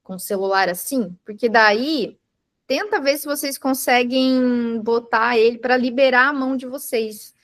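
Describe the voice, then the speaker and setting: A woman's voice: a little high, unhurried, a bit bright, no echo, studio quality. A woman teaching mindfulness to a live group, patiently explaining with everyday examples and asking the class questions. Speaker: mindfulness instructor. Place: indoor room with a live group.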